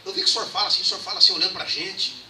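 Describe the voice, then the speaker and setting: A young man preaching as a pastor, telling stories in a lively way and acting out the dialogue. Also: sits high, racing. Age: young adult. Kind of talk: storytelling sermon. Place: church. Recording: echoey church hall, mic far off, background noise.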